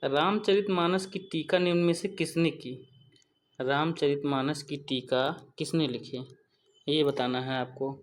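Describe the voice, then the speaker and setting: A man's voice: fairly high pitch, steady tone, unhurried. A man teaching an exam-prep lesson, quizzing himself aloud and repeating each answer twice. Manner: repeats each answer, asks and answers his own questions. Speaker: Hindi exam tutor.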